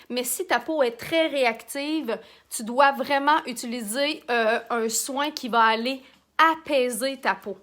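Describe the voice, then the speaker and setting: A Québécois woman with a high, bright voice hosts a live makeup demonstration. She talks in a chatty way and answers viewer comments while she works. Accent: Québécois French. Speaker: makeup artist hosting a live stream.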